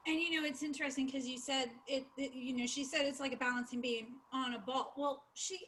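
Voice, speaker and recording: Woman guest, reflective and emphatic, bright tone. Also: high voice, fairly even intonation, fairly quick, slight background noise. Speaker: podcast guest. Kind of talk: casual conversational interview.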